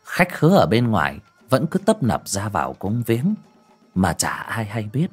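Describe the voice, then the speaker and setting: Expressive male narrator. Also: on the low side, a little slow, husky, faint music behind. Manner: lively dramatic storytelling. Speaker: storyteller. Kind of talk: audiobook horror narration.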